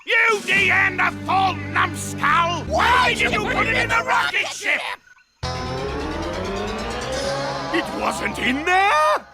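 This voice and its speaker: An actor playing a pompous, scheming, hot-tempered crocodile king in a cartoon, with a gravelly voice and melodramatic delivery. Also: very high voice, sing-song, slow, heavily acted. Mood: outraged, bellowing. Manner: pompous, melodramatic, bellowing then silky. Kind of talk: theatrical cartoon villain acting. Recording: cartoon soundtrack with loud music.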